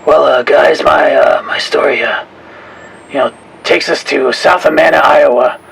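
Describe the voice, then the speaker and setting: A man chatting casually on a podcast in a hesitant, halting way with many pauses. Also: on the high side, steady tone, vocal fry, fairly bright tone, husky, poor audio. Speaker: podcast co-host and caller. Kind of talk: casual chat. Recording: faint background noise.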